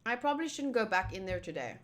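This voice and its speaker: Reading visual novel text aloud on her livestream, this woman keeps cutting herself off with playful, chatty remarks. She speaks quickly in a sing-song, mid-range voice.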